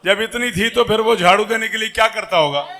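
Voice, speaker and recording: A man giving a religious majlis address in a large hall, animated and calling out to his listeners by name. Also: high voice, fairly quick. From Pakistan. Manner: animated, calls out to listeners by name, loud emphatic bursts. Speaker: majlis speaker. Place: large imambargah hall with audience.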